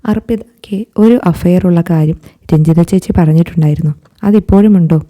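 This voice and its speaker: A woman voicing a caring young man who speaks gently and reassuringly. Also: lowish voice, fairly quick, natural voice. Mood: gentle.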